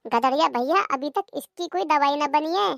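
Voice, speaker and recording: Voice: sits high, normal speed, creaky, a bit bright, no room sound, clean studio sound. A performer voicing a village doctor who explains things plainly.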